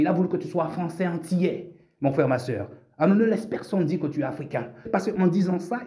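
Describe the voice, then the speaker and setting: A man's voice: sits high, mellow. A man preaching a sermon, insistent and repetitive, addressing his listeners directly as brothers and sisters.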